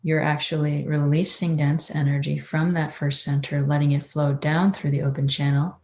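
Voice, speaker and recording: A woman teaching a guided breathing meditation in a soothing, unhurried, mystical healer's tone. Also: low voice, little pitch movement, a little mellow, slight background noise. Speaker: energy-healing teacher.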